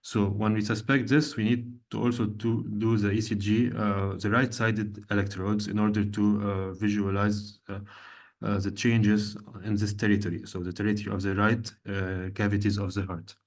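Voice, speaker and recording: A man's voice: fairly low pitch, level tone, normal speed. A man from Lebanon, a cardiologist, giving a methodical online medical lecture over slides, with frequent hesitant fillers.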